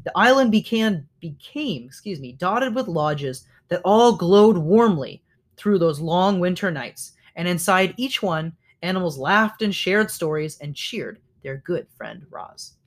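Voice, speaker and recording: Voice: medium pitch, lively intonation, a little slow. A reader reading a children's novel aloud, now and then stopping to correct slips.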